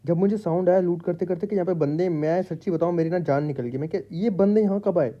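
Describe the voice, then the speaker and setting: Talking straight to his viewers, this man delivers a chatty, joking gameplay voice-over from home, where his pet parrots live in the room with him. His voice is high and quick yet dark in tone, and the sound is dull.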